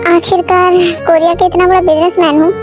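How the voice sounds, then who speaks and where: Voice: very high-pitched, flat delivery, fairly quick. A narrator voicing a young rich businessman who teases his wife in an easygoing way. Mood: teasing. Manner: teasing, easygoing. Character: rich young male businessman, teasing husband. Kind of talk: fan audio story acting. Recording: music playing underneath.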